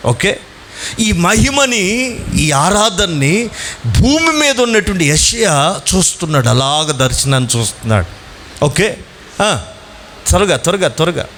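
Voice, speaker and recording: A man preaching a Sunday sermon as pastor, putting questions to his listeners and pressing them to answer, drawing some lines out slowly and rushing through asides. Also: fairly high pitch, a bit bright, a little hiss or hum. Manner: asks the congregation questions and urges answers; swings between slow emphatic lines and fast asides.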